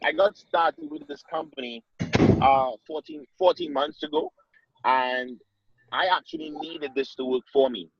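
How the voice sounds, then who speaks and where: A man from Trinidad and Tobago, giving an earnest sales pitch on a conference call, often repeating his words. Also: noisy background. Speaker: business presenter. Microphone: phone. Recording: muffled dry phone-call audio.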